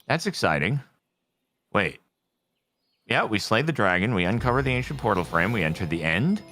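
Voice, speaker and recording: A man's voice: fairly low pitch, big pitch swings, normal speed, pushed and bright, slight background noise. A man giving casual game commentary, thinking aloud as he plays. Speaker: gaming streamer.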